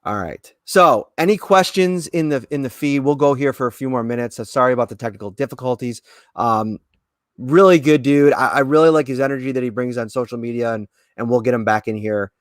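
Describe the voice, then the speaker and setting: A man's voice: medium pitch, fairly quick, dry recording, studio quality. A man co-hosting a casual sports talk show, chatty and full of fillers and restarts. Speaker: podcast co-host.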